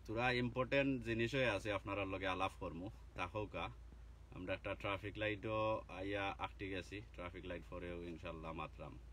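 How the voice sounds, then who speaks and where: A man's voice: low voice, fairly even intonation, normal speed, a bit bright. A man from Bangladesh with a Sylheti accent, chatting casually and teasingly on a live stream from a car. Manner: chatty, teasing, peppered with inshallah. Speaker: vlogger livestreaming from a car. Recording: faint background noise.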